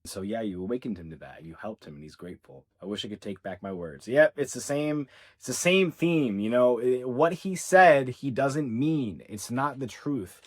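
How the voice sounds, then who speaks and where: A man's voice: mid-range voice, lively intonation, normal speed. A man working as a spiritual coach, giving a channeled reading to his viewers in an earnest, reassuring way. He talks casually, fills his speech with "like" and "yeah", and repeats his key points. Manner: conversational with fillers like "like" and "yeah". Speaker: ascension coach.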